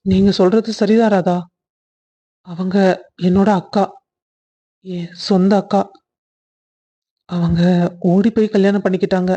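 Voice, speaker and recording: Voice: mid-range voice, flat delivery, unhurried, pauses often, warm tone, close to an everyday voice. A voice actor playing a young man in a cartoon story, resentful toward his sister, talking in a dull lo-fi recording. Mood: bitter. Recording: dull lo-fi audio.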